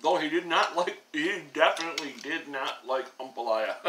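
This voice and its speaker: A man's voice: a little high, normal speed. Man talking with a full mouth. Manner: easygoing, chatty explaining. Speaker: mukbang host. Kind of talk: casual eating chat. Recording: echoey room with background noise.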